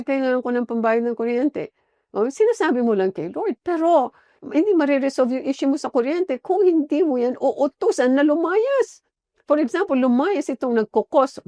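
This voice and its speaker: A middle-aged woman pastor with a Filipino accent, preaching with lively storytelling and mixing Tagalog and English. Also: high-pitched, no room sound. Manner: animated storytelling, switching between Tagalog and English. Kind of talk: Taglish sermon teaching.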